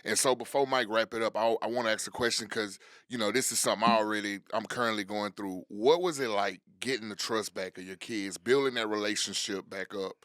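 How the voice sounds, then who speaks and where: A man's voice: lowish voice, fairly quick, few pauses, fairly bright tone, no room sound, studio quality. A man, co-hosting a podcast with supportive agreement. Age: 30s. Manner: supportive, frequent short agreements. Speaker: podcast co-host. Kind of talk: interview hosting.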